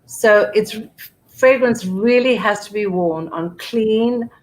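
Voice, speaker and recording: A woman's voice: fairly high pitch, slow, poor audio. A woman perfumer chatting at an online event, effusive and full of restarts as she describes fragrances. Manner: effusive, piles on words like beautiful and gorgeous; frequent restarts and repetitions. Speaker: perfumer and fragrance brand founder. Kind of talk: casual online event chat.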